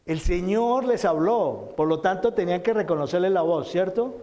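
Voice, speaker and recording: A man preaching a sermon as pastor, emphatic and repetitive, swinging between loud quoted lines and soft, low asides. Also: normal speed. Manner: emphatic preaching with repeated phrases and dramatic quotes.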